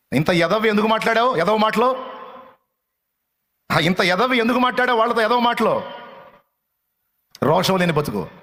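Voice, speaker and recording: A man preaching a fiery sermon, scolding his listeners harshly with rapid, repeated rebukes. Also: high-pitched, pushed and bright, big-room sound.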